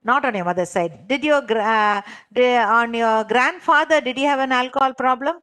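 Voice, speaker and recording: Here the clinical interviewing trainer, her voice a little high and fairly bright, talks at a normal speed against slight background noise. Her online lesson is interactive: she explains each step, repeats points, and often asks participants questions to be sure they understand.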